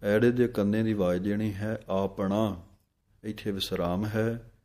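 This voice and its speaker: A man teaching correct scripture recitation, speaking slowly and deliberately, correcting pronunciation and pauses. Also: on the low side, steady tone, darkish tone. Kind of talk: recitation lesson.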